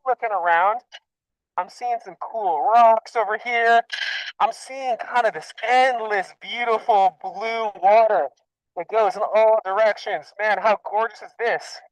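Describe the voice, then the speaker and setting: A man working as a park scuba diver, presenting a live program from underwater and excitedly asking viewers questions. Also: high voice, unhurried, dry recording, poor audio. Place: underwater in a lake, diving.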